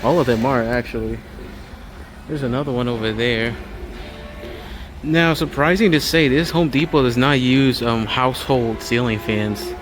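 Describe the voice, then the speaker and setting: Walking through a big home improvement store, a male vlogger muses aloud casually, rambling and noting what he sees. He speaks at a moderate pace in a steady, mid-range voice, while music from the store's overhead speakers plays behind him.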